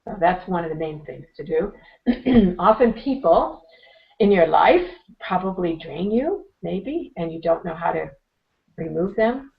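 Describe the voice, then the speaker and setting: A woman with a hoarse, fading voice, speaking as an interview guest and giving earnest, motivational advice about meditation. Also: on the low side, animated, a little slow, highs cut off. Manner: earnest, motivational, frequent throat-clearing. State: hoarse, losing her voice.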